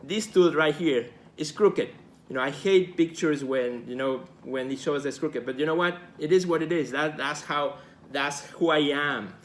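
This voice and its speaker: A man from Mexico, a native Spanish speaker with a Mexican Spanish accent, hosts a casual live video talk as an art career coach. Earnest and encouraging, he often repeats his key phrases, speaking at a moderate pace in a fairly high voice.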